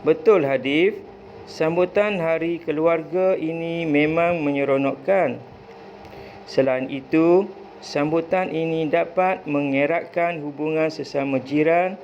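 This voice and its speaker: A man reading a kindly middle-aged father's lines from a storybook, in a plain, steady reading voice. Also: fairly high pitch, slow, muffled recording, slight background noise. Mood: explaining.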